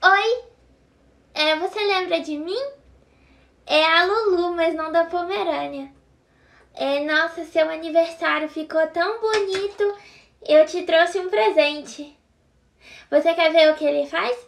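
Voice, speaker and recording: A woman's voice: extremely high pitch, a little slow, creaky, pauses often, a bit bright, exaggerated voice. A woman voicing a spoiled, rude little girl who whines, taunts and sulks in a comedy sketch. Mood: sulky, pushy. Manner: whiny, taunting, sulky. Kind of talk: comedy sketch role-play.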